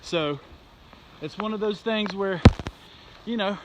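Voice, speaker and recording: A man with a Southern US accent giving a folksy, excitable, casual live storm report outdoors in wind and rain. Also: takes it slowly. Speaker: amateur weather reporter. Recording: windy outdoor noise, clicks and rumble.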